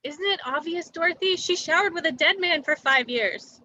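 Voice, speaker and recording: A naive, guileless small-town woman with a high, bright voice, read by a woman in a sitcom read-through. The recording is dry and a little dull. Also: moderate pace, no echo. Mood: earnest. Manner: earnest, guileless. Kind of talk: amateur sitcom table read.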